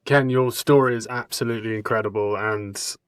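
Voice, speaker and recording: A man's voice: lowish voice, steady tone, brisk, clean tone, no room sound, clean studio sound. A man hosting a podcast, upbeat and encouraging toward his guests. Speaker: podcast host. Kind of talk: interviewing.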